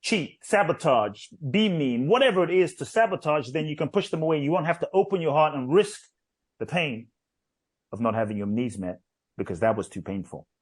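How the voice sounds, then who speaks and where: A man's voice: a little high, animated, a little fast. A man speaking as a guest on a radio show, giving an emphatic motivational talk that repeats phrases in lists.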